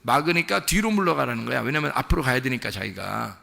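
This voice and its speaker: A man's voice: medium pitch, sing-song, fast, vocal fry, bright, forceful tone, in a large hall. A male pastor preaching a sermon in a conversational way, quizzing the congregation as he goes. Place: church sanctuary.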